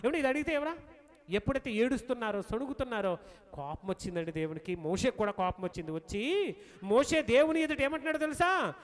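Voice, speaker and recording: High-voiced animated preacher man. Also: quick pace. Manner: animated, acts out pleading quotes. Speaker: pastor. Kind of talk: sermon. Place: church.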